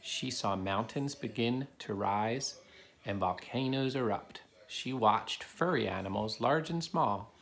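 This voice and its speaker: A man reads a children's picture book aloud, explaining things simply to a child helper. His mid-range voice is slow and a bit bright. Background noise is clearly audible in the recording.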